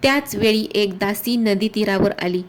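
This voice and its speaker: A woman reading a devotional folk tale aloud as storyteller, in a steady, recited rhythm. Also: mid-range voice, normal speed.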